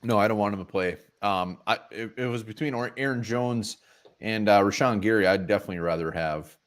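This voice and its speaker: A man's voice: fairly low pitch, fairly quick. A man co-hosting a casual live sports show, joking bluntly and swearing freely. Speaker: sports podcast co-host.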